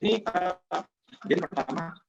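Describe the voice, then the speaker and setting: A man answering press questions over a video call, his audio breaking up and cutting out, speaking hesitantly with many pauses. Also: high-pitched, creaky, muffled recording. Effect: choppy audio breaking up over a video call.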